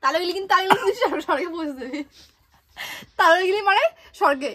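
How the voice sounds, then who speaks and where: Very fast, high, excitable woman. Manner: excitable, dramatic whining and giggling. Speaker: vlogger doing a spicy noodle challenge. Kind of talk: casual chat and banter.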